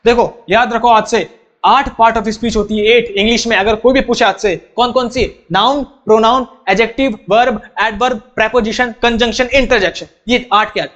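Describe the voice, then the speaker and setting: High-voiced emphatic male grammar teacher. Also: steady tone, normal speed, a bit bright, dull audio. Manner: emphatic, asks questions and answers them himself; drills terms by repetition. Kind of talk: classroom-style grammar lesson.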